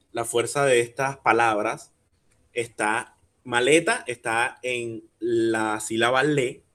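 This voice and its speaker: A man leads a workshop lecture over a video call, with a voice in the middle of the male range. He is patient and methodical, breaking words into syllables slowly. He stops often to ask listeners questions and check that they follow. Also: mid-range voice, fairly bright tone. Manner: patient, explains step by step, spelling out syllables slowly; asks the audience questions and checks understanding. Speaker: workshop speaker teaching rhyme.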